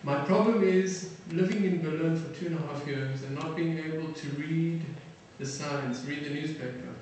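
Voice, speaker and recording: A middle-aged South African defense attaché gives a lecture to an audience, halting and restarting often and filling gaps with many fillers. His voice is on the high side and a little mellow. He's recorded from a distance in a reverberant hall with faint noise.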